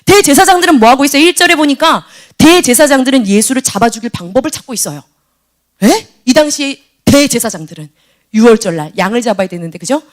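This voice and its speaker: A woman's voice: high voice, lively intonation, fast. A woman leading a youth sermon in church, questioning students by name and acting out scenes. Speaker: youth pastor.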